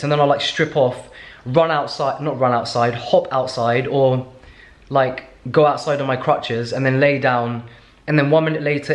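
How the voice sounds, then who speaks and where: Rambling British man in an echoey room. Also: medium pitch. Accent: British English. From United Kingdom. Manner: rambling, self-mocking, talks straight to camera. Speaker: vlogger. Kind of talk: casual chatty vlog. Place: home kitchen and living room sofa, indoors. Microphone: handheld camera at arm's length.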